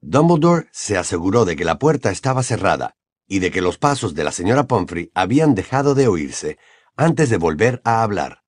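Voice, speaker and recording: A male audiobook narrator with a fairly deep voice and a wide, lively melody. He reads a fantasy novel expressively, recorded close and dry with no room sound. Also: moderate pace, no echo. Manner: expressive reading voice. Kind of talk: scripted narration.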